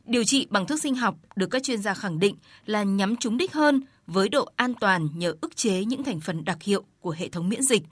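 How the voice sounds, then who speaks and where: A woman reporter reading scripted news narration in a steady, formal way. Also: mid-range voice, moderate pace, hardly any pauses, husky, no room sound, studio quality.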